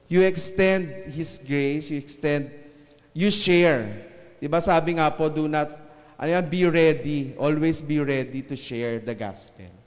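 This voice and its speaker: A man's voice: fairly high pitch, long reverb tail. Man preaching a joking Taglish sermon. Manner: joking asides with laughs, then slow emphatic scripture lines.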